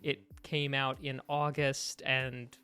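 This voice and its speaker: A man co-hosting a podcast, chatting casually and haltingly with frequent asides. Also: mid-range voice, little pitch movement, bright, forceful tone, clean tone. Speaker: podcast co-host. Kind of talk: casual chat.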